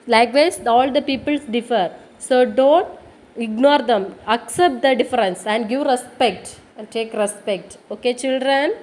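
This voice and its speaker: Patient teacher, higher voice, mellow tone. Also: female voice, low-quality recording. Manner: slow and explanatory, spells out words letter by letter; addresses children directly, asks questions and answers them herself. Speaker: school teacher. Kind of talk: recorded classroom lesson for children.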